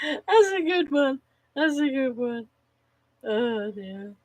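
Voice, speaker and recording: This woman speaks slowly in a high-pitched, very animated voice with a little mellowness and no echo. A cold makes her sound slightly nasal as she live-streams casually, laughing at her own corny jokes, groaning at bad puns and swearing casually.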